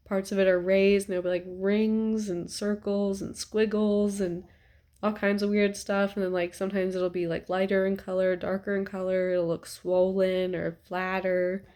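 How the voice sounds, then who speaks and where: A woman's voice: medium pitch, little pitch movement, moderate pace, warm tone. Chatty young woman vlogging from her couch. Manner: chatty, rambling, many ums and likes. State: stuffy nose. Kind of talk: casual chat to camera.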